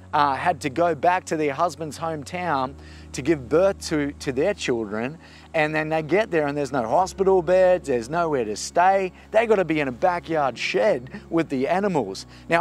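A man, a pastor giving an earnest, encouraging sermon on a forest path. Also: fairly high pitch. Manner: earnest, encouraging preaching with emphatic rises. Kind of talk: outdoor video sermon. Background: soft music.

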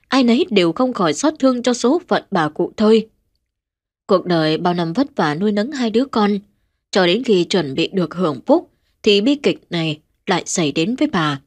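A woman tells a ghost story in a steady, measured voice. Her pitch sits in the middle of the female range, and her delivery stays even and deliberate from line to line. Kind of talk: scripted ghost story narration.

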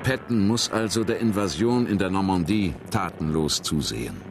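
A man's voice: deep voice, animated, normal speed, noisy background. A man reading scripted narration for a historical documentary.

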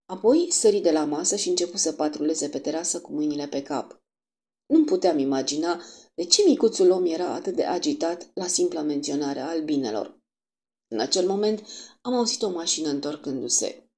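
A woman narrating an audiobook in a steady, measured storytelling manner. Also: low-pitched, husky.

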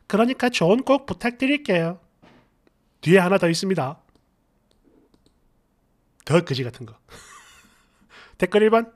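A middle-aged man reads viewer stories aloud from a small room, his voice swinging widely up and down as he reacts. He slips into sarcastic retorts while reading comments. The sound is close, from a mic on his desk. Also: extremely high pitch. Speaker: story channel host.

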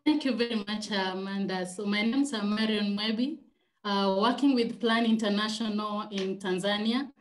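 A woman in her forties introducing herself as a panelist on a video call, slow and formal. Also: mid-range voice. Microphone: webcam video call.

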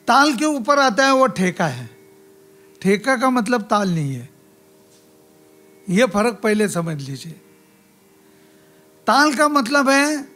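Very high, slow-speaking male tabla player. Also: pushed and bright. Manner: slow, deliberate explanation. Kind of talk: explaining rhythm theory.

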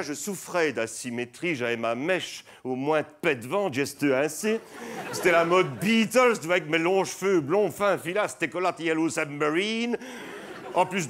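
A middle-aged man with a Belgian French accent doing a rambling stand-up monologue, chatting with the audience. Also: a little high. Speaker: stand-up comedian. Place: theatre stage before a live audience. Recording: live show with loud audience laughter.

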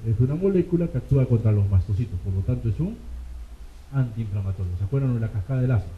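A man's voice: mid-range voice, animated, fast talker. A male medical exam lecturer, teaching through rhetorical questions and frequent "ok?" check-ins. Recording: tinny, echoey classroom recording.

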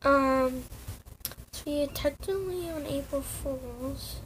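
High-pitched young woman, slow halting rant. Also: noisy background. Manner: rambling, halting, many fillers and restarts. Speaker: online community vlogger. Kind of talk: casual rant to camera.

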